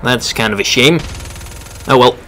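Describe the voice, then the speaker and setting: A man's voice: mid-range voice, a little slow, pushed and bright, slight background noise. A man giving casual, wry commentary as he plays a video game. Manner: offhand, wry. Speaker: let's play commentator. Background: game music.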